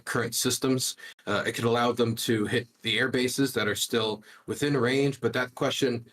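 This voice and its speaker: A man's voice: on the low side, a bit bright. Man on a video call, sounding distant. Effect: heard over a video call. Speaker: independent journalist. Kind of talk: casual commentary on a call-in. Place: remote location, not the studio.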